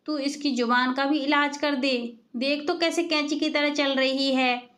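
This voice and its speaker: A woman voicing a sharp-tongued village aunt who scolds and mocks. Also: sits high, steady tone, unhurried. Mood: scolding. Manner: scolding, sarcastic.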